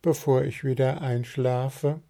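A man voicing a male bird who plays a sleepy princess in a storybook, speaking in a high, dreamy, sweetly affected way. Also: steady tone, takes it slowly, dark tone.

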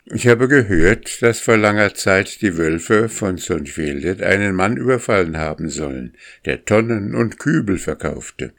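A man voicing a wise old male raven who calmly explains things, in a storybook reading. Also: deep voice, unhurried, pitched above the performer's own voice, exaggerated voice.

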